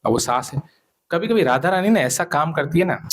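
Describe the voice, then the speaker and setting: A man preaching a devotional sermon, telling a story in an animated way, acting out dialogue and dropping in English phrases. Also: on the high side, moderate pace.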